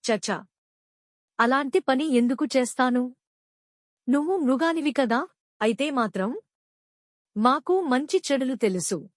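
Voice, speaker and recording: Woman doing wounded storybook tiger, pleading, weary, slightly high, dry sound. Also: expressive, measured pace, pauses often, no echo. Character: male tiger in pain, pleading.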